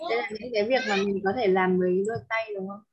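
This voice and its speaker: A woman's voice: mid-range voice, fairly even intonation, fast talker, husky, muffled recording. A woman teaching a vocabulary lesson online, saying each English word and then its meaning.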